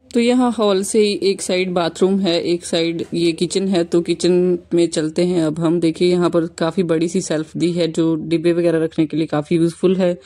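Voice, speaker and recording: A thirties-aged woman vlogger with a lowish, dark voice narrates a laid-back tour of her rented apartment, walking from room to room and pointing each one out.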